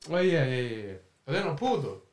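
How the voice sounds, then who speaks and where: A man's voice: fairly high pitch, very animated, fast, roomy sound. A man, chatting casually in slang and often repeating himself. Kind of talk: casual podcast chat.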